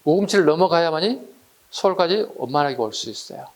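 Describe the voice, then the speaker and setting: A male history lecturer talks his students through exam material in a chatty, conversational way. He keeps asking them rhetorical questions and checking that they follow. His voice sits a little higher than most men's. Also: animated, fast.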